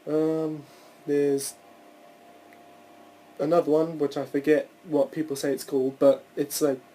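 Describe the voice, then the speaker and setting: A man's voice: a little high, little pitch movement, a little slow, mellow, a little hiss or hum, low-quality recording. A young man hosting a casual solo podcast, rambling through his thoughts with frequent restarts and the odd swear word. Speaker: podcast host.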